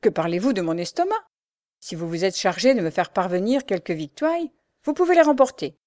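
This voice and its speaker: A woman's voice: medium pitch, big pitch swings, brisk, darkish tone, dry recording, studio quality, natural voice. A woman voicing a proud young male knight in prison, haughty and curt. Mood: defiant.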